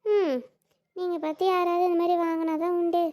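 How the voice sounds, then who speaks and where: A frazzled young stall-keeper in a cartoon, voiced by a woman, chatty and always complaining. She has a very high voice and a southern Tamil Nadu accent. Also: level tone, normal speed, a little mellow. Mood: chatty, grumbling.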